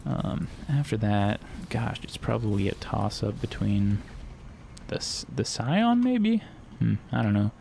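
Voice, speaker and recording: A young man with a low, gravelly voice chats loosely over his gameplay, drifting between jokes and tangents. His crude, offhand humor keeps the commentary loose and rambling, with a faint hiss sitting under the audio. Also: lively intonation, unhurried, dark tone. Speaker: gaming streamer.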